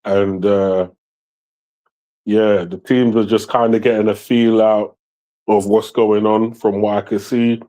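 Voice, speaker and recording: A man's voice: on the low side, level tone, dark tone, poor audio. A man casually commenting on a football match as he watches live, talking with many fillers and his mouth full of food. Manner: slow, hesitant, many fillers; talks while eating. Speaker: watchalong streamer.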